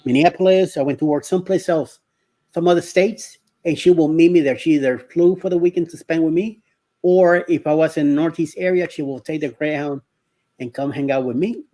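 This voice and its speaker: Man, middle-aged, from Miami, live stream host, slightly raised pitch, hesitant and rambling. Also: a little fast, warm tone. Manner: rambling, hesitant with many fillers; greets viewers by name. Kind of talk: casual live chat.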